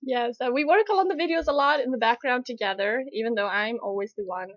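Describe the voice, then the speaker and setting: A woman with a Swedish accent, co-hosting a casual podcast chat, giggly and animated between phrases. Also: a little high, brisk, dry recording, highs cut off. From Sweden. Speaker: podcast co-host.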